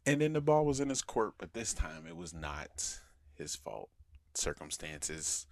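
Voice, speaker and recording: A man hosting a solo podcast, telling a personal story in a frank, animated way and swearing casually. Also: low voice, unhurried, no echo. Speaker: podcast host. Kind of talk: candid personal storytelling monologue.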